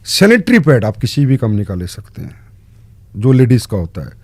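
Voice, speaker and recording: A man's voice: mid-range voice, big pitch swings, normal speed, darkish tone, no echo. A man answering interview questions in an earnest way, stressing points with short repeated commands. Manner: emphatic, lists short commands. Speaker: guest in direct selling.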